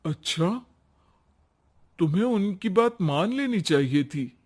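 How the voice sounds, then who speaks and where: Rajesh, an easygoing young husband. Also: male voice, high-pitched, expressive, slow, breathy edge, heavily acted. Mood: reassuring. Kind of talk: cartoon voice acting.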